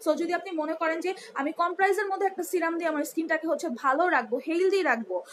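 Woman, young, high bright voice, chatty live-stream seller, faint hiss behind. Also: quick pace. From Bangladesh. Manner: chatty, rambling, sprinkles English words, leans on fillers. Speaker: online beauty shop seller. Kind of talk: live-stream product selling, reading viewer comments.

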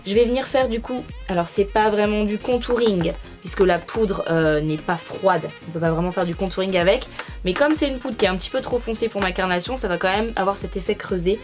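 A woman's voice: mid-range voice, a little fast, soft background music. A young adult woman talking casually through a makeup tutorial as a beauty vlogger, with frequent fillers. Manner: chatty, many fillers.

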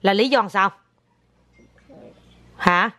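A woman's voice: medium pitch, slow, sharp tone. A woman talking casually with her young child as a mother, patient and coaxing, repeating herself and slipping into English now and then.

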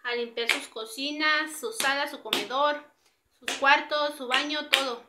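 A woman's voice: sits high, steady tone, a little slow, background noise. A woman, chatting to viewers in a casual cleaning vlog from her home kitchen. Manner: chatty, addresses viewers directly. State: sweaty from cleaning. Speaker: vlogger.

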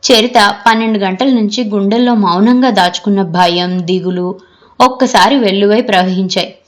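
A woman's voice: medium pitch, moderate pace. Woman narrating a novel audiobook.

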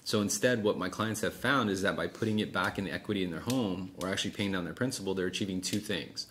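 Clearly noisy room sound fills this recording from a small indoor office meeting room. A middle-aged man with a low, slightly bright voice talks quickly as he coaches one person informally, acting out sample sales dialogue and often checking in.

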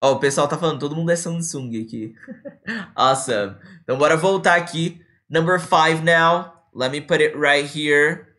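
A man's voice: a little high, normal speed, fairly bright tone. A young man from Brazil, teaching a casual live online English lesson and mixing in English examples.

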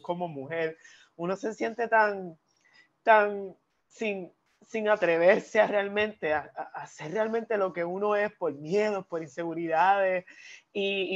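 A woman's voice: medium pitch, lo-fi sound. Earnest, emotional woman co-host. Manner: emotional, earnest, with many restarts. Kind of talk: casual heartfelt chat.

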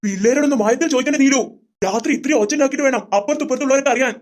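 A performer voicing a father who tries to calm things in a comic family skit. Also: high-pitched, racing, natural voice. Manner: soothing, reasoning.

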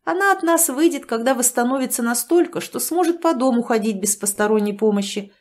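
A woman voicing a male hospital doctor who explains things in a calm, instructive, matter-of-fact way. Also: fairly high pitch, a little fast, voice pushed up, close to an everyday voice.

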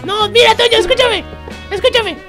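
A performer voicing a hyper little boy youtuber who teases and yells during Minecraft gameplay banter. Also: very high voice, normal speed, music in the background. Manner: shrieky, teasing, yells often.

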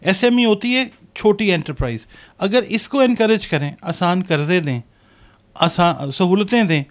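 High-voiced Pakistani man explaining. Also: animated. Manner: measured, explanatory, peppers speech with English terms. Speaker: astrologer and business professor. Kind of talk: interview answers, predictions.

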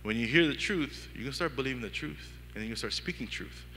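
A man from Hawaii with a Pidgin-tinged accent, preaching a sermon with lively storytelling and acted-out inner dialogue. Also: mid-range voice, fast, in a large hall, a little hiss or hum. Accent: Hawaiian Pidgin-tinged English. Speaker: pastor. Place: church hall.

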